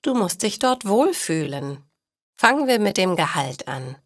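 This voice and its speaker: A woman doing a loud, upbeat young friend. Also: lowish voice, big pitch swings, a little slow, dry recording, studio quality. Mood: encouraging.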